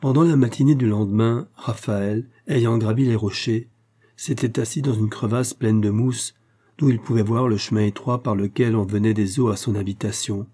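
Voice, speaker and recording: A man narrating a classic novel as an audiobook in a measured, even way. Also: fairly low pitch. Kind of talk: scripted literary narration.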